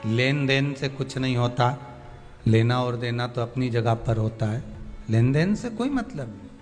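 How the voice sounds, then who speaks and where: A man preaching a devotional sermon, pleading with passion and swinging between loud appeals and soft, quiet lines. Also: mid-range voice, lively intonation, measured pace. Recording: long hall reverb with faint music.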